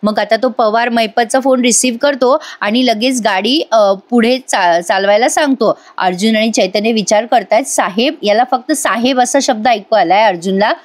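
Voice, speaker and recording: Brief: higher-pitched woman, chatty serial-recap voice-over, casual asides. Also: normal speed, few pauses. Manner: chatty, retells scenes with quoted dialogue and asides. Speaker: TV serial reviewer.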